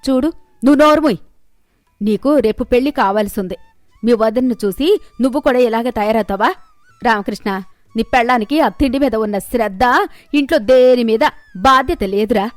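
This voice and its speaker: Shrill scolding mother-in-law, a woman puts her on. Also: moderate pace, long pauses, no echo, natural voice. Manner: loud, harsh scolding.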